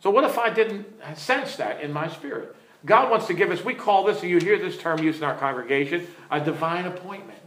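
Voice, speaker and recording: Expressive and a little fast, a middle-aged pastor's fairly bright, somewhat high voice echoes around the room. He teaches earnestly with stories, turning to his listeners with questions.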